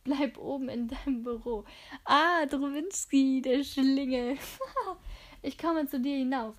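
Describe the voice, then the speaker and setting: A woman's voice: high voice, fairly even intonation, moderate pace. Woman reading as a dignified, composed mother. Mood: fond. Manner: composed, gently admonishing. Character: dignified middle-aged mother and businesswoman.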